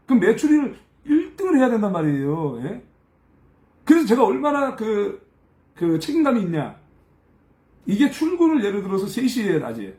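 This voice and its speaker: A man with a high, lively voice tells stories from his own life in a casual, blunt, colloquial style, swearing freely. He keeps prodding his listeners with short tag questions as he goes. His voice echoes around a roomy space. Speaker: live stream speaker giving a life testimony. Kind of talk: casual personal storytelling.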